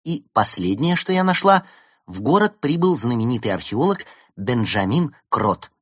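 A man's voice: medium pitch, sing-song, normal speed, a bit bright, slightly rough, no echo, clean studio sound, pitched above the performer's own voice. A man reading a storybook aloud, voicing a bossy, teasing young female fox. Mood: reporting. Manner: mocking, teasing. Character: bossy quick-tongued young vixen.

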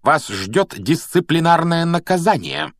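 A man voicing a strict older female professor who scolds with slow, emphatic force, recorded dry and close. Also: a little high, very animated, no echo, voice pushed up. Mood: stern scolding.

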